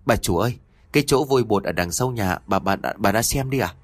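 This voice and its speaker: A man's voice: on the low side, fairly quick, dry recording, natural voice. A man voicing an older female servant who is out of breath and stammering, in a spoken audio story. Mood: breathless.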